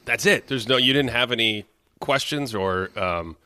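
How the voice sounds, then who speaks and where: A man hosting a sports podcast, talking in a thoughtful, measured way with some fillers. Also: medium pitch, bright, forceful tone, clean tone, dry recording. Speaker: podcast host. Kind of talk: casual chat.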